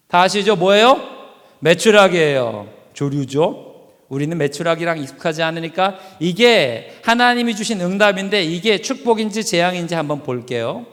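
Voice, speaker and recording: High-pitched guy preaching, jokey and animated, big echo from the church hall. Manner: animated, asks the audience questions and acts out scenes. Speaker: guest preacher. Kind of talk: lively humorous sermon. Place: church sanctuary. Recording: long reverb of a church hall.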